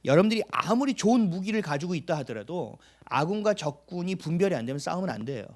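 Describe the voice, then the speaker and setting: A man preaching a sermon as pastor, asking the congregation questions and answering them himself, sometimes dropping to a hushed near-whisper for emphasis. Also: high voice, sing-song, fast talker.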